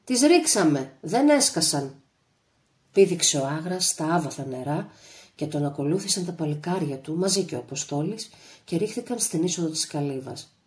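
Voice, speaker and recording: Low-voiced woman reading an audiobook. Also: darkish tone. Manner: measured, dramatic reading. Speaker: audiobook narrator. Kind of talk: literary audiobook narration.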